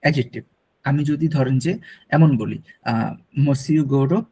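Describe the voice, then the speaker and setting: Slow-explaining man teaching French, dark husky voice. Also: mid-range voice. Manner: explains slowly, repeats words, mixes in English. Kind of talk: online language lesson.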